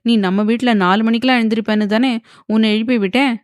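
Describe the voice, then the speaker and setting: Woman voicing a sulky, sharp-tongued young wife. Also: on the high side, fairly even intonation, quick pace, dry recording, clean studio sound, pitched above the performer's own voice, close to an everyday voice. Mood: sulky, retorting. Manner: teasing and quarrelsome.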